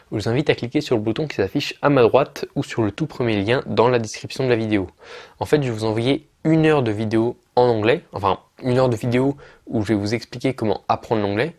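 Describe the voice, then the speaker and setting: A man with a French accent giving a casual English lesson online, hesitant with many fillers and restarts. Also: fairly low pitch. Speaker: English teacher.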